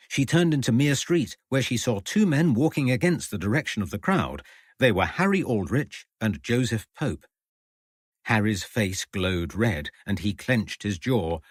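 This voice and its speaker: A man narrates an audiobook in a measured, storytelling way. His voice is low and husky, with a lively rise and fall. The recording is close and dry. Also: dry recording. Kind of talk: scripted narration.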